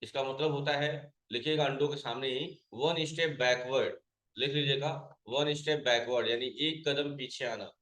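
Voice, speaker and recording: A man runs a computer class at a mid pitch, neither high nor low. He keeps putting questions to his students and then answers them himself, repeating each key point. The room around him is echoey. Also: steady tone, normal speed, a bit bright. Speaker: computer teacher. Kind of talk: classroom lesson.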